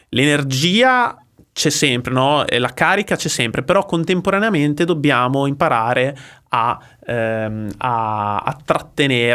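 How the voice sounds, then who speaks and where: A man vocal coach talking through a song, explaining technique with frequent pauses and checks for understanding. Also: mid-range voice, a bit bright, clear, resonant tone. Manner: explanatory, often pausing with "eh" and checking with "ok?". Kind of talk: music reaction and vocal analysis.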